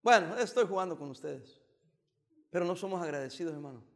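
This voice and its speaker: A pastor from El Salvador giving a joking, teasing sermon with bursts of emphasis. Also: male voice, a little high, lively intonation, fairly quick, fairly bright tone, in a large hall.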